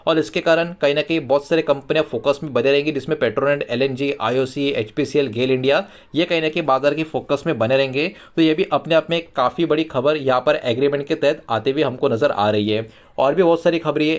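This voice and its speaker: A man with an Indian accent presenting market news as an explainer, going point by point. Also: mid-range voice. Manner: repetitive hedging catchphrases, point-by-point explaining. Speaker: finance news YouTube host.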